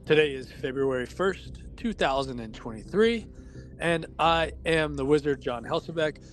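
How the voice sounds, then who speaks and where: A man with a fairly high voice hosts a casual sports podcast. He chats upbeat and reads out lists of names. Music plays clearly beneath him. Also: moderate pace. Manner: upbeat, announcing names in a list. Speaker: podcast host. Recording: music bed under the talk.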